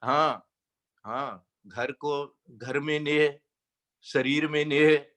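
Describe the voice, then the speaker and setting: A man with a fairly high voice delivers a religious discourse at an unhurried pace. He explains scripture patiently, chants verses now and then, and keeps asking his listeners rhetorical questions. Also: fairly even intonation, fairly bright tone. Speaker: Jain scripture teacher. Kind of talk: sermon on scripture.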